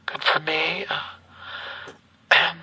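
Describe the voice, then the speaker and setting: Woman leaving a rambling voicemail, slow n monotone, kinda sharp, aggrieved, keeps repeating and stalling. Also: low-pitched, slightly rough, rough recording. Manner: halting, repetitive, aggrieved. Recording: voicemail played over radio.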